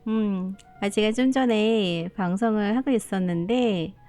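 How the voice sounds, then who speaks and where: A woman's voice: mid-range voice, unhurried, warm tone, soft background music. A middle-aged woman hosting a casual live stream, talking motherly to viewers as her children and laughing often.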